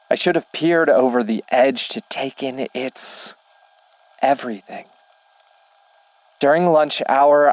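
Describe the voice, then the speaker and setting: Slow, deliberate male horror narrator. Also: medium pitch, a little mellow, no echo. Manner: measured, deliberate storytelling. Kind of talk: scripted first-person horror narration.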